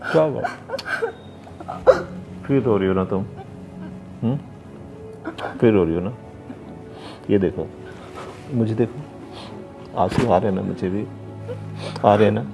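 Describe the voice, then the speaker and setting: An actor playing a man who holds his young wife captive, coaxing and softly menacing in a crime drama. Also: fairly low pitch, measured pace, creaky, long pauses. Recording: music playing under the voice.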